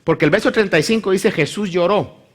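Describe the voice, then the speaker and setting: A high-pitched male pastor preaches a little fast, reading from scripture. He animatedly voices the characters of the Bible story as he goes.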